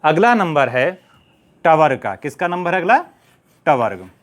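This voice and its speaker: A middle-aged man with a Hindi accent teaching a Sanskrit grammar lesson, reciting letters slowly and asking and answering his own questions. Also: on the high side, big pitch swings. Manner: slow, deliberate recitation of letters.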